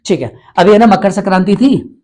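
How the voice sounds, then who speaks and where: A man's voice: high-pitched, animated, brisk, a little mellow. A male teacher from India giving an exam-prep lecture, constantly quizzing his students and repeating the answers.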